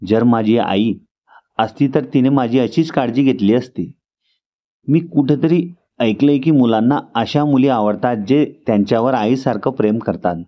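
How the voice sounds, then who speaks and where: A man reading a first-person story aloud as a steady narrator. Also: mid-range voice. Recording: dull lo-fi recording.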